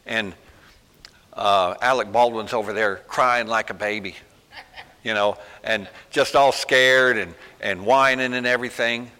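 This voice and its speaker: A man's voice: on the low side, fairly even intonation, a little slow, sharp tone, clear, resonant tone, big-room sound. A man preaching a sermon in a folksy, emphatic storytelling manner with many asides.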